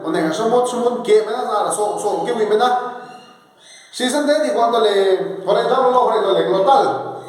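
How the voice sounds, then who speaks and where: Give me a high-voiced man teaching his alphabet, from southern Mexico, a native Zapotec speaker, stretching out syllables, in a very echoey room with a long reverb tail. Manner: slow, drawn-out syllables and tones. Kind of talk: casual spoken lesson.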